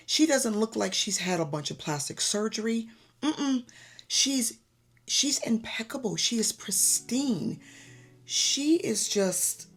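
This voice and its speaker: Gravelly, husky woman telling a story. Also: a little high. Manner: animated and effusive, addresses viewers as y'all. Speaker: lifestyle vlogger. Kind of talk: personal storytelling.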